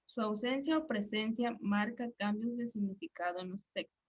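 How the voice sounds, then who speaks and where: A woman's voice: medium pitch, normal speed, lo-fi sound. Young woman reading a class presentation. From Ecuador. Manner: steady, careful reading of definitions and examples. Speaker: psychology student presenting. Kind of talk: read-aloud class presentation.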